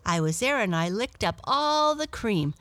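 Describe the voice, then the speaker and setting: A woman reads aloud from a storybook, voicing a curious, chatty house cat. She pitches her voice well up, lively and leaping between notes, as the cat asks eager, excited questions at an unhurried pace, with no echo.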